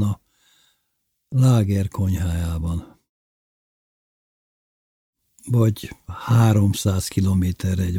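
A man voicing a weary older man, a former prisoner, who speaks quietly and haltingly. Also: on the low side, slightly rough, no echo, clean studio sound.

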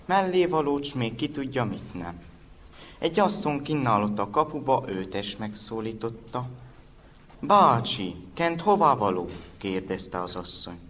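Expressive man telling a folk tale. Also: mid-range voice, a little hiss or hum. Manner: very expressive, rises sharply for quoted characters. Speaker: storyteller.

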